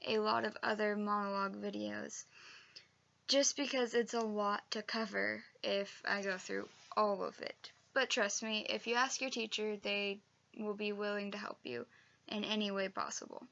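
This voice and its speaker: A young woman giving a casual, chatty acting lesson, emphatic and quick to correct herself. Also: mid-range voice, creaky, sharp tone, highs cut off. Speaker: acting teacher. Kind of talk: casual instructional video.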